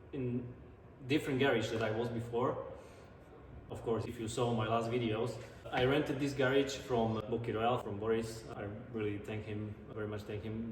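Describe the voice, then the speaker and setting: A man from Slovakia with a Slovak accent, talking casually and earnestly to his vlog audience in slightly halting non-native English. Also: mid-range voice. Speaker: drifter and car-building vlogger. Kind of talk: casual vlog talk to camera. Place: large indoor garage. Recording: echoey garage, distant mic, background noise.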